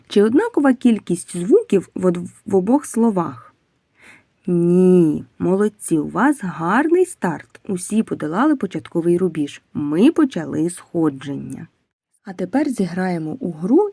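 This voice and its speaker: Woman preschool teacher, mellow and breathy, unhurried lesson delivery. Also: medium pitch, dry recording. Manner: slow, carefully enunciated questions and praise. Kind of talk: video lesson for young children.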